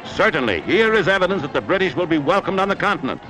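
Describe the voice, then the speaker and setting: A man's voice: high voice, big pitch swings, fast, rough recording. A man narrating an old 1940s wartime newsreel in a dramatic, emphatic announcing manner. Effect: old wartime newsreel sound. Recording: narration over loud orchestral music.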